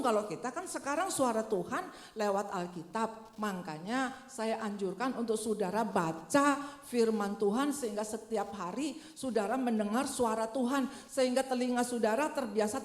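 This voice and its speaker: A woman pastor giving a lively, colloquial sermon, acting out little quoted voices. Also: fairly high pitch. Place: large church hall. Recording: echoey church hall reverb.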